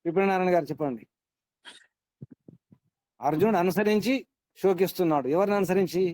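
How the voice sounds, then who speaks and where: A man's voice: high voice, a little fast, a little mellow. A man teaching a scripture class, quizzing his students and repeating his points for emphasis. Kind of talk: interactive class lecture.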